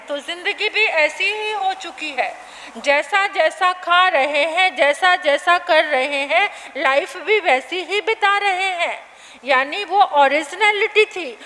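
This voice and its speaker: A woman nun preaching a sermon and telling a story, slow and emphatic, who repeats her phrases. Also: extremely high pitch, a bit bright. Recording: reverberant hall, faint background noise.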